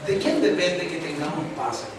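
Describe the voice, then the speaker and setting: A middle-aged man with a Chilean accent preaching a sermon as pastor, animated and full of rhetorical questions. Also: on the high side, moderate pace, recorded from a distance, a crowd in the background. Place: large church hall. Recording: very echoey hall recorded from afar with noise.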